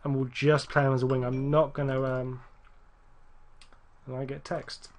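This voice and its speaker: A man giving casual, rambling gameplay commentary, correcting himself often and getting excited at near misses. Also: mid-range voice, moderate pace. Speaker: gaming YouTuber.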